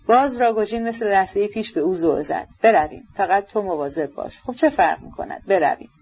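An audiobook narrator reading a literary novel in a measured, even storytelling manner. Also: medium pitch. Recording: slightly muffled audio.

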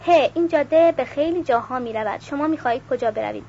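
A woman's voice: sits high, gravelly, dark tone, lo-fi sound, a little hiss or hum. A woman reading the lines of a courteous young nobleman who lives in the trees.

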